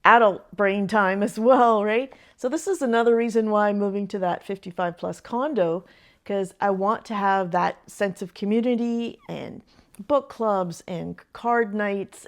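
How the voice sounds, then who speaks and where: An older woman, a retired teacher and grandmother, chats earnestly to camera in a casual advice vlog. Her voice is medium-pitched and unhurried, and she often laughs softly between thoughts.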